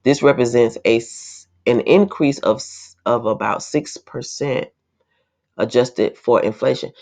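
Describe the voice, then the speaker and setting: A woman's voice: rumbling low, unhurried, vocal fry, darkish tone. A woman reading an article aloud and breaking off into indignant, emphatic commentary. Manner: indignant, emphatic asides between read passages. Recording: slightly dull, lo-fi recording.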